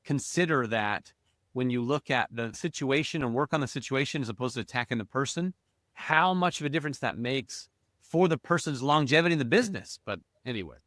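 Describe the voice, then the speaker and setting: A man's voice: medium pitch, lively intonation, fairly quick, fairly bright tone, dry recording. Thoughtful man hosting a podcast, dry sound. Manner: thoughtful, affirming, asks open questions. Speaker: podcast host. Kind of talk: podcast interview.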